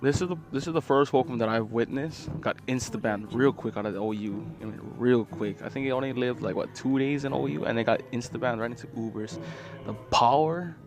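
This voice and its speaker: A man's voice: mid-range voice, brisk. A man hosting a casual top ten countdown commentary, talking in a slangy way and often tacking "man" onto his sentences. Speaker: video host.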